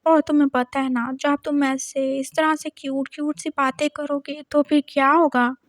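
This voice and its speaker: A playful, coaxing young husband from a storybook, put on by a woman narrator, speaks in a high voice. He teases and flatters his partner without letup. The sound is close and dry. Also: moderate pace, no room sound, close to an everyday voice. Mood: teasing. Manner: coaxing, teasing.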